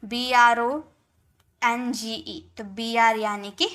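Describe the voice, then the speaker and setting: A woman with an Indian accent teaching an English spelling and pronunciation lesson, spelling out letters slowly and repeating each word several times. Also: a little high, fairly even intonation, bright, forceful tone.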